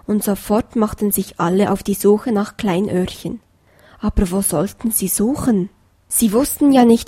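A woman reading a children's story aloud with slow, gentle storytelling. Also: medium pitch, no echo, clean studio sound. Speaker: reader.

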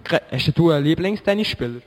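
A man's voice: a little high, expressive, fast talker. A man interviewing children in a casual way, asking short, repeated questions. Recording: long hall reverb.

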